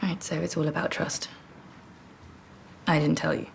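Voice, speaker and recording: A woman's voice: sits low, flat delivery, normal speed, vocal fry, a little hiss or hum. A woman playing a determined junior doctor in a TV hospital drama, pleading her case in an earnest, insistent way. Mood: insistent, challenging. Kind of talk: scripted TV drama dialogue.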